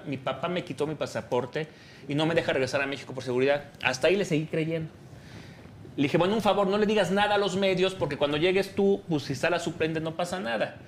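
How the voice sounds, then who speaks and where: Man, Mexican accent, raised pitch, faint hiss, animated slangy storytelling. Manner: acts out quoted dialogue, slangy and joking. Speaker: guest. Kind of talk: animated storytelling on a talk show.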